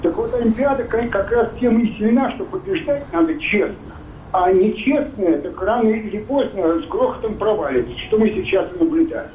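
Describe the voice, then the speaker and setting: This is a man in his fifties phoning into a talk broadcast. He speaks in an earnest, measured way. His voice sits high and comes through a tinny, boomy phone line. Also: reverberant, a little hiss or hum. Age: 50s. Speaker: caller. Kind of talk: call-in comment. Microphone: telephone.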